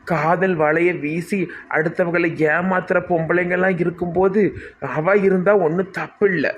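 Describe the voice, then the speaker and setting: Man, somewhat high, village puja announcer skit role, faint outdoor hum. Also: steady tone, moderate pace, muffled recording. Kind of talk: acted comedy skit.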